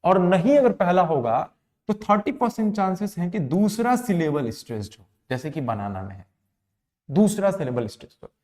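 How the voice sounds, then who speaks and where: A man teaching an English lesson, explaining slowly, repeating words for emphasis and answering his own questions. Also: sits high, very animated, a little mellow. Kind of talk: classroom lesson.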